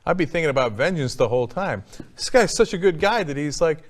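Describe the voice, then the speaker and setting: A man's voice: fairly high pitch, lively intonation, quick pace. A man hosting a casual talk show, giving blunt opinions, swearing freely, with lots of fillers and restarts. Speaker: host.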